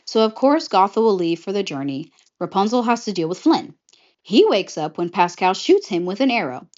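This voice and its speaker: A woman in a casual, chatty retelling of her own movie pitch, slipping into short character voices. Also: sing-song, moderate pace, darkish tone. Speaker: vlogger pitching a film idea. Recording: slightly muffled lo-fi audio.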